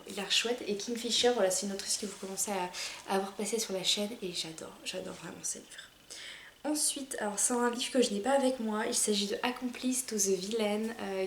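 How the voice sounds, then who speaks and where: French woman, soft low voice, casual hesitant chat, echoey room with faint background hum. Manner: chatty, hesitant with frequent fillers and restarts. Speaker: book vlogger. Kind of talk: casual monthly reading-list chat.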